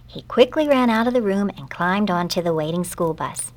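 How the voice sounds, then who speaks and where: A woman reading a children's story aloud in an expressive, gentle way. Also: on the low side, fairly quick.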